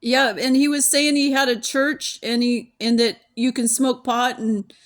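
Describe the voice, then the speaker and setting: A woman's voice: on the high side, level tone, measured pace. A woman in casual chat who laughs a lot and asks questions, recorded in a secretly taped conversation.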